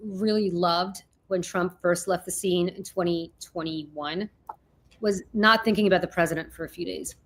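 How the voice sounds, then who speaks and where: A woman hosting a casual political chat, relaxed and conversational, steering to the next topic. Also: fairly low pitch, moderate pace. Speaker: podcast host.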